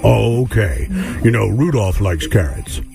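A man playing a jolly, kindly old Santa Claus, chatting with children on a radio call-in with hearty ho-ho-hos and gentle questions. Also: on the low side, expressive, a little slow, creaky, music in the background.

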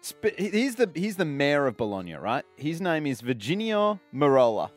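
A man's voice: on the high side, sing-song, moderate pace. An Australian man co-hosting a radio show with casual, bantering chat. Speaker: radio co-host. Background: music bed.

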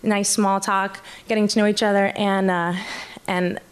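A woman telling a personal story live on stage, nervous and halting, often restarting her sentences. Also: mid-range voice, little pitch movement, clear, resonant tone.

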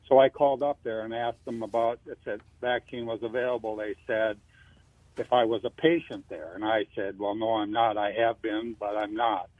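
An older man calling in to a radio show over the phone, asking his question in an earnest, rambling way with halting restarts. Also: medium pitch, dry recording. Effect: heard over a phone line. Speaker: caller. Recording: tinny dry phone line.

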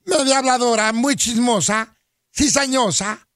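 A man's voice: extremely high pitch, a little slow, a bit bright, no echo, studio quality. A man voicing Doña Mela, a cheeky, crude, gossipy older woman on a radio morning show.

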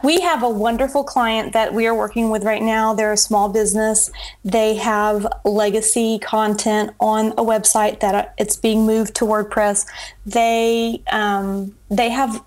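A woman's voice: a little high, little pitch movement, a little slow, darkish tone. A woman speaking casually as an interview guest, telling things in an anecdotal, conversational way. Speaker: interview guest, web business consultant.

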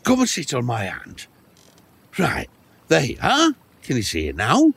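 A hungry old man adrift in a boat, his voice raspy and gravelly. He talks slowly and dithers, wistful, with pitch that rises and falls a great deal. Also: wildly swooping pitch, a bit bright, exaggerated voice. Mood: excited. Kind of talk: children's audio story acting.

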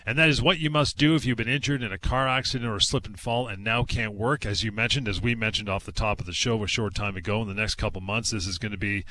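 A man's voice: fairly low pitch, steady tone, quick pace, few pauses, pushed and bright, a little hiss or hum. A man hosting a radio advice show in a casual, chatty and promotional way.

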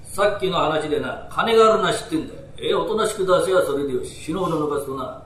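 A man's voice: on the high side, expressive, fast, a bit bright. Man doing a cocky Edo street burglar. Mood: blustering. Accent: Tokyo downtown speech. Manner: rough Edo-style street talk, chuckling to himself. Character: brash, greedy male burglar, cocky and easily fooled. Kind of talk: rakugo storytelling. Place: small storytelling hall before an audience. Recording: roomy hall with faint noise.

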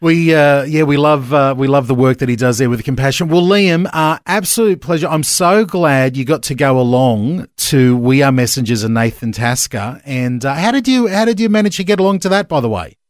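A man's voice: mid-range voice, a little fast, hardly any pauses, dry recording, studio quality. A man with an Australian accent hosting casual radio chat, with a blokey, matey manner. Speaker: radio host. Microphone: close studio radio mic.

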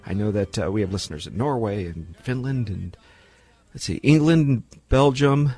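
A male talk radio host speaks in an informal monologue with a slightly rough-edged voice. He is emphatic, repeating himself and posing rhetorical questions. The sound is dry and close. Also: fairly low pitch, animated, moderate pace, warm tone, no echo.

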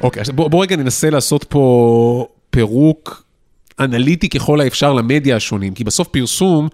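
Guy hosting a chatty interview show, clear and organized, normal pitch. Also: a little mellow. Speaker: podcast host. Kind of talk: casual interview chat.

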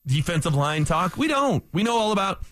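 A man co-hosting a sports talk show, arguing his points with emphatic, skeptical energy. His voice sits a little high and moves through a wide, animated range. The studio sound is close and dry. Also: fairly quick, no room sound. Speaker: sports radio co-host. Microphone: studio microphone.

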